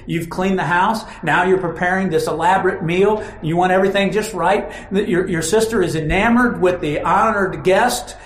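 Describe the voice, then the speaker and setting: A man's voice: high voice, normal speed, hardly any pauses. A man preaching a sermon, telling stories dramatically and acting out quoted lines. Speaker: pastor. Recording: roomy echo.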